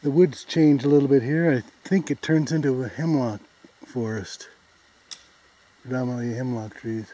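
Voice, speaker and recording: This American-accented hiker has a mellow, mid-range voice with fairly even intonation and a normal speaking speed. He casually narrates his forest trail video outdoors, plainly pointing out sights as he walks, on dull, lo-fi camera audio.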